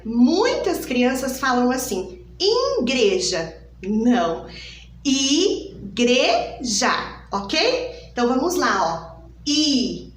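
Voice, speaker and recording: A woman teaches a phonics lesson for young children, stretching every word out slowly. Her voice sits high and swoops up and down in a sing-song way. It is recorded from a distance in an echoey room. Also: slight background noise.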